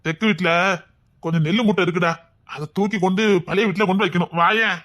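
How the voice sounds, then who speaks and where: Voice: medium pitch, quick pace, a bit bright, muffled recording, lightly acted. A performer with a Tirunelveli accent playing a bossy village uncle in a comedy skit, nagging and giving orders. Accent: Tirunelveli Tamil.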